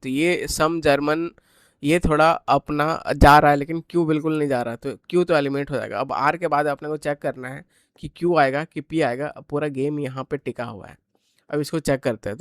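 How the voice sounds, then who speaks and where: Man, exam-prep teacher, slightly high voice, talks himself through each question, dry close sound. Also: no room sound. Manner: explains step by step, asking and answering his own questions. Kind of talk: exam paper walkthrough lesson.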